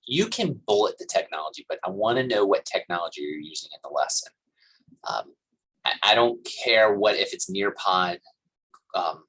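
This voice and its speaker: Low, husky-voiced male instructor. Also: pushed and bright, poor audio. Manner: casual, rambling explanation with fillers. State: coughing and hiccuping. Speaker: college instructor. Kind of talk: recorded class lecture.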